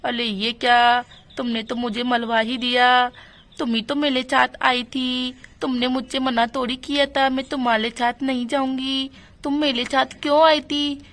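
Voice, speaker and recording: A woman's voice: sits high, level tone, unhurried, fairly bright tone. A woman voicing a stubborn little village boy in a doll story, whining and pleading. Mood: whiny.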